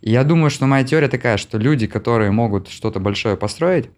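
A man in his forties from Russia, an interview guest who answers reflectively with many pauses and filler sounds. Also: medium pitch, animated, a little mellow. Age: 40s. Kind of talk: casual conversation.

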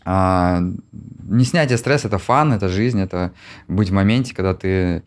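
A man in his forties from Russia, an interview guest who answers reflectively with many pauses and filler sounds. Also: low voice. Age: 40s. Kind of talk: casual conversation.

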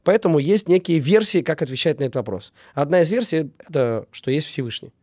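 A business owner appearing as a guest in a casual interview speaks earnestly while recovering from a cold, repeating key words and using many fillers. His voice is fairly high with lively intonation, a fairly quick pace, and a slightly mellow quality. The studio recording is clean, with no echo.

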